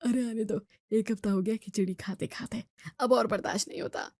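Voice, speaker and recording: A woman's voice: fairly high pitch, normal speed, dry recording, studio quality, natural voice. A woman voicing a stubborn, greedy diabetic father-in-law in his sixties. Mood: coaxing. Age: 60s. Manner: coaxing, stubborn.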